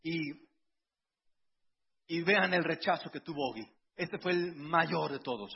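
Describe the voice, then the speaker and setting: Casting: middle-aged pastor, high husky voice, chatty storytelling sermon, muffled lo-fi audio. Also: male voice, measured pace. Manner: conversational preaching, personal anecdotes, repeated restarts. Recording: dull lo-fi sound.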